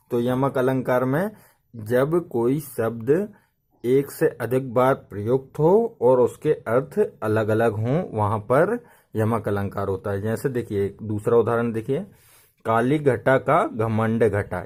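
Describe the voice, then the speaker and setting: A man teaching an exam-prep grammar lesson, often checking in with a rising "okay?". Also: darkish tone. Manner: repeats "ठीक है" with a rising pitch to check the class is following.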